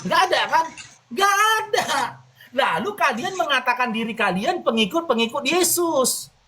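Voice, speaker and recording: A woman's voice: high-pitched, lively intonation, normal speed. Lady hosting a live debate on her phone, punchy and rhetorical, bit of hiss behind. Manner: forceful, rhetorical, punchy repeated contrasts. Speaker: live-stream debate host. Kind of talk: heated religious debate on a live stream.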